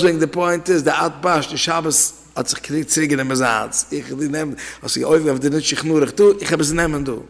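A man teaches an informal religious law lesson as a rabbi, weaving anecdotes into his talk. His voice is gravelly and a little husky. The long reverb of a hall trails behind every phrase. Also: fairly high pitch. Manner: conversational, telling anecdotes to listeners.

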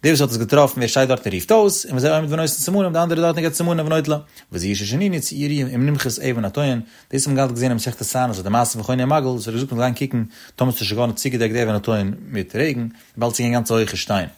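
Guy w/ ish doing a talmud lesson, sing-song, talks fast. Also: mid-range voice, darkish tone. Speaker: Talmud teacher. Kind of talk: Talmud lecture.

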